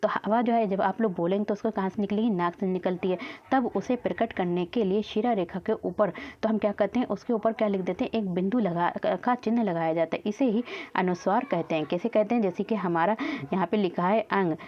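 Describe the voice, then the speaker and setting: A woman's voice: medium pitch, a little fast. A woman teaching a Hindi grammar lesson, patiently repeating points and asking questions she answers herself. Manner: asks and answers her own questions; repetitive, patient explaining. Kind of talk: classroom lesson explaining grammar. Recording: dull lo-fi audio.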